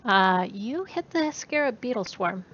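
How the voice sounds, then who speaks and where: A woman running an online tabletop game as game master, guiding players in a relaxed way with many fillers. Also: a little high, measured pace. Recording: dull lo-fi voice chat with faint noise.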